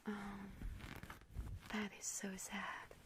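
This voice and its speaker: In this whispered ASMR role-play, a young woman plays a gleeful young witch who casts hexes, with a playfully sinister, giggly, chatty manner. Her voice is medium-pitched and completely flat, her words drawn out, with background noise present.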